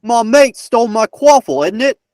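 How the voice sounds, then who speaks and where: A hammy, overdone British bloke, as a man puts on the accent for laughs. The voice sits high and leaps around in pitch. It sounds dry and close to the mic. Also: very animated, moderate pace, a little mellow, no room sound. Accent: put-on British. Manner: hammy, sing-song clue readings. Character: over-the-top fake British bloke, male adult.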